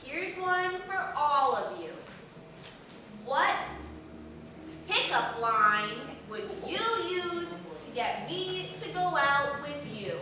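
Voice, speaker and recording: A woman's voice: sits high, expressive, takes it slowly, full character voice. A woman playing a reluctant, hesitant dating show contestant in a stage comedy. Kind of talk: live stage comedy acting. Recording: echoey theater from far off, noisy.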